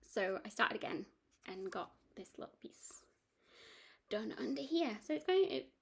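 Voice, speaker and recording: A woman's voice: fairly high pitch, lively intonation, unhurried, vocal fry, slightly rough. A woman chatting casually about her cross-stitch projects, rambling with lots of ums and restarts. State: has the hiccups. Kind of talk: casual chat.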